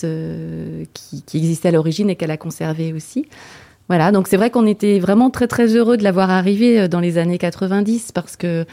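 A woman's voice: lowish voice, creaky, dark tone. A woman, a village deputy mayor, describing a local café in a hesitant way, full of fillers and restarts. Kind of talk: radio interview.

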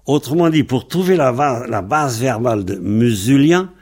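A man's voice: medium pitch, expressive, normal speed, darkish tone, breathy edge. A man teaching a Breton language lesson in French, patiently spelling words out letter by letter.

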